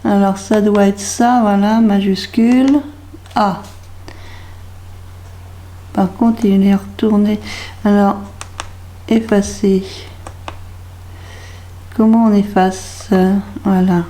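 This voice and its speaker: A woman's voice: medium pitch, steady tone, takes it slowly, pauses often, mellow. A French woman, a craft vlogger, thinking aloud as she tries out a label maker, hesitant and puzzled, muttering to herself. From France. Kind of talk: thinking aloud while trying a device.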